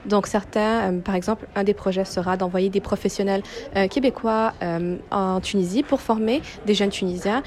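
A young woman from Quebec, Canada, represents a youth organization in an interview and gives explanatory answers. Her pitch is middling for a woman, and she speaks at a moderate pace with a darkish tone.

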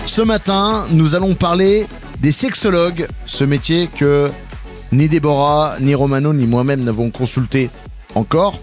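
A man in his thirties hosts a morning radio show from a studio mic, chatty and playful as he leads each segment. His voice sits a little high for a man, and a faint bed of music plays underneath. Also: a little slow. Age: 30s. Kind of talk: casual radio banter. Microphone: studio microphone.

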